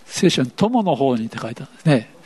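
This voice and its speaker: A man's voice: mid-range voice, very animated, fast talker, a little mellow, husky. A man preaching a sermon, playfully asking the congregation questions as he goes. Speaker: pastor. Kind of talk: interactive sermon.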